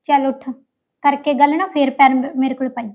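A woman's voice: high-pitched, little pitch movement, fairly quick, muffled recording. A woman acting in a short film, blunt, scolding and defiant. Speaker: actress playing a demanding mistress.

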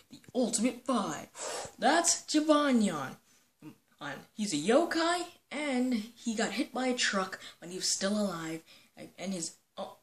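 A woman voicing an excitable young male hero who leads a team, talking fast and awkwardly in a homemade toy play. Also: on the high side.

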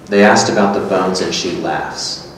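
In an echoey, hard-walled gallery, a performer reads a scripted two-person literary dialogue, voicing a musing, matter-of-fact character. His voice is low-pitched and his pace measured. The stand mic sits at a distance, so the room echoes and a little noise creeps in.

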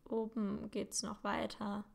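A woman voicing a calm, teasing teenage wizard boy in a fan-fiction reading, speaking softly with dry humor. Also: medium pitch, slow pace, creaky, heavily acted. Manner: soft, challenging, dry humor.

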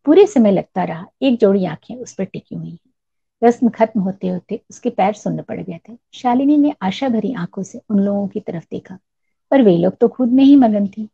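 A woman storyteller reading a scripted story in a calm, measured way. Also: medium pitch, creaky, slightly rough. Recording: dull lo-fi recording.

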